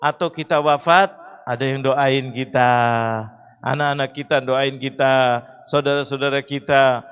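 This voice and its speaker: A man preaching a sermon in a mosque. He asks his own rhetorical questions, chants Arabic verses and prayers, and rises to loud emphatic cries. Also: medium pitch, fairly even intonation, a little slow. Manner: rhetorical questions answered himself.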